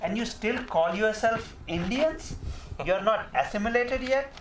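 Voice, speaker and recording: An actor playing a middle-aged doctor turned stubborn film producer, insistent and exasperated in conversation. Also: male voice, high voice, lively intonation, measured pace, a little hiss or hum, low-quality recording. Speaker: doctor and aspiring filmmaker.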